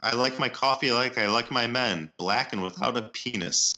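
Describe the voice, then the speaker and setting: A man co-hosting a casual podcast, tossing in jokey deadpan one-liners. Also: mid-range voice, moderate pace. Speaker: podcast co-host.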